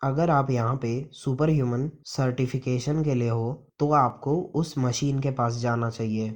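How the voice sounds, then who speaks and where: A man's voice: medium pitch, fairly even intonation, unhurried, lightly acted. A man reading the lines of a polite young female receptionist in a comic recap, in a courteous, formal manner with his own voice.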